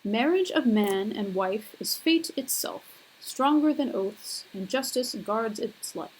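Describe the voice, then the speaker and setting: A woman lecturer putting on a deeper, manly voice for a stern male god, speaking in a slow, measured way. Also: animated, slight background noise, poor audio. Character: stern male god defending his deed.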